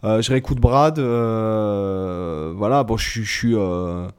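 A man's voice: fairly low pitch, slow pace, clean tone. A man hosting a podcast in casual chat, rambling and hesitant, often repeating words as he goes. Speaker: podcast host.

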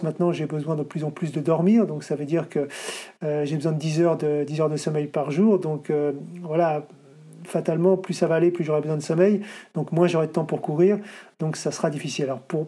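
Fast-talking husky man, many restarts. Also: a little high, fairly even intonation, mellow. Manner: hesitant, many fillers and restarts. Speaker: ultra-distance runner guest. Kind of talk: interview answers.

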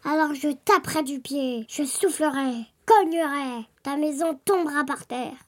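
A woman's voice: sits high, measured pace. A woman putting on a hungry, threatening storybook wolf. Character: menacing hungry male wolf.

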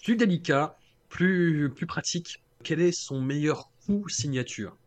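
A man's voice: fairly high pitch, unhurried, no room sound. A man hosting a podcast in casual chat, playful and self-mocking. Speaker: podcast host.

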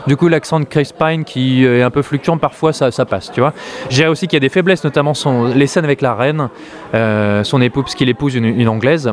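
A man's voice: mid-range voice, a little fast. A man from France talking casually about a film, hesitant, with many fillers and restarts. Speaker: film critic.

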